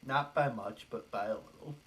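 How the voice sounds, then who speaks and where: A man co-hosting a casual film commentary podcast, chatting with quick asides and a lot of "like". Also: medium pitch. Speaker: podcast co-host.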